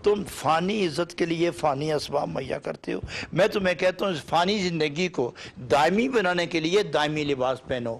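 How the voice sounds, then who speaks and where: A man from Pakistan delivering a sermon lesson in a slightly high voice. He builds long chanting runs of short parallel phrases, then lifts into pointed rhetorical questions. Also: gravelly, few pauses. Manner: rhythmic, repetitive lists of short phrases; emphatic rising questions. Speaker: Sufi preacher.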